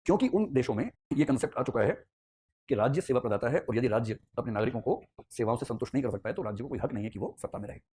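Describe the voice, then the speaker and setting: A man's voice: medium pitch, expressive, rapid-fire, darkish tone, a little hiss or hum. A man teaching an ethics class, telling a story with playful asides in a classroom lecture.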